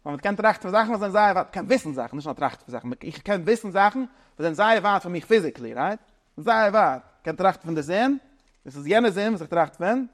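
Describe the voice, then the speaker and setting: A man with a fairly high-pitched voice gives an informal philosophy lesson. He talks haltingly, restarting phrases as he searches for words, and slips English terms into his speech. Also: expressive. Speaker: teacher.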